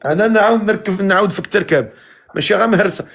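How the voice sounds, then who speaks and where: A man with a Moroccan accent hosting a live matchmaking stream, teasing and calling out to viewers in brisk casual chat. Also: high-pitched, fairly bright tone. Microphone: live video stream.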